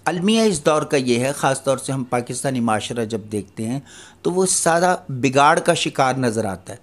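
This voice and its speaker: A man's voice: mid-range voice, animated. An older man giving an earnest religious lecture, admonishing his listeners and posing rhetorical questions. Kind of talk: Islamic lecture on parenting.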